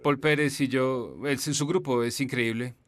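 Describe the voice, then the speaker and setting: A man interpreting a speech live, talking quickly and correcting himself with short restarts. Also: mid-range voice, fairly even intonation. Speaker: simultaneous interpreter.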